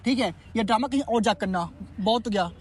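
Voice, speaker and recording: A man's voice: high-pitched, a little fast, a little hiss or hum. Exasperated young man scolding. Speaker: prank video host. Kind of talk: casual vlog and staged argument.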